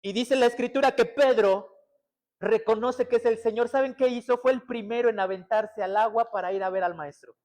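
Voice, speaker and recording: High-voiced man preaching a sermon. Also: fairly even intonation, normal speed. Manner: emphatic preaching with many rhetorical questions to the congregation; swings between loud urgent stress and hushed intimate passages. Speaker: pastor.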